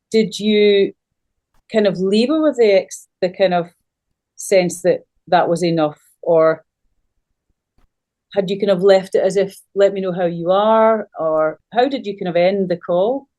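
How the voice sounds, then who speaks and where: A woman speaking on a video call in a low, mellow voice. She asks her questions warmly and hesitantly, with plenty of fillers. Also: moderate pace. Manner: warm, encouraging, hesitant questioning. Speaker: group participant. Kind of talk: casual online group discussion.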